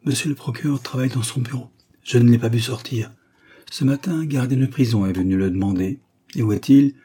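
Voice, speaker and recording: A man's voice: medium pitch, fairly quick, warm tone, slightly rough, close to an everyday voice. A man voicing a plain-spoken middle-aged courthouse concierge who gives matter-of-fact answers.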